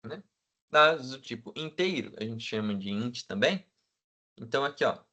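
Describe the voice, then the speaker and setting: A man gives a classroom lecture at a middling pitch. He keeps checking that the students follow him and fills his pauses with hesitant sounds. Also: expressive, bright, forceful tone. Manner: asks the class for agreement constantly. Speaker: teacher.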